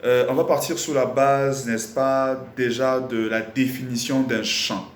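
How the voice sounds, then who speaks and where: Slow-speaking male singing teacher, echoey room. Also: mid-range voice, steady tone, slight background noise. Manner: slow, repetitive explaining with frequent fillers and sung examples. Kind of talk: live online music lesson.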